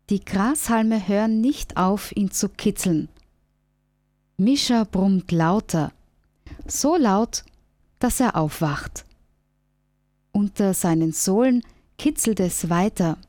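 Slow, mellow woman narrating. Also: medium pitch, no echo, studio quality. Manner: calm, gentle storytelling. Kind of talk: scripted narration of a children's story.

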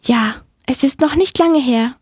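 Woman doing a squeaky little mouse. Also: slightly rough, no echo, clean studio sound, full character voice. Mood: proud. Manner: squeaky, quick and bright. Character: small proud squeaky female mouse.

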